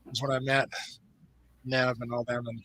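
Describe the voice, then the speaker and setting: A man's voice: medium pitch, normal speed, poor audio. A middle-aged man from the United States hosting a casual movie watch party chat, telling stories animatedly. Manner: animated storyteller, acts out quoted voices.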